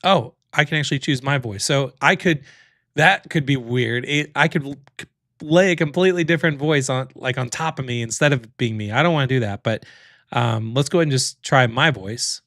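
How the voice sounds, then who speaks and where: A man walks his viewers through a software tool on a livestream, chatting as he goes. His voice sits at a middling pitch and is recorded close, with a dry sound and no room around it. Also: a little fast, no echo. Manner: chatty, thinks aloud, many fillers. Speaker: livestream host demoing software. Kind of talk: casual livestream walkthrough.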